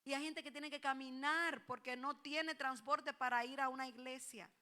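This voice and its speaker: A woman pastor delivers a sermon in a high, bright voice. Her preaching is animated, building to loud exclamations, and she quotes her congregants back to them in dialogue. Her tone stays sharp and clear throughout. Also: moderate pace.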